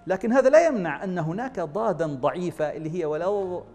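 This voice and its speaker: A scholar of Quranic recitation, appearing as a guest in a TV studio, gives a measured explanatory interview answer with drawn-out fillers and spoken pronunciation demonstrations. His voice sits high and sounds animated and a little mellow. The studio is reverberant, with faint music in the background.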